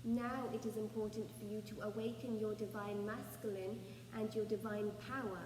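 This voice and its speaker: A woman's voice: medium pitch, fairly even intonation, a little mellow. Echoey woman trance medium, ceremonial delivery. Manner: formal, ceremonial phrasing as a collective 'we', with deliberate pauses. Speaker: trance channeller, spirit medium leading a session. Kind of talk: seance medium channelling spirit messages. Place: echoey room, away from the microphone. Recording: roomy, reverberant, distant mic, faint noise.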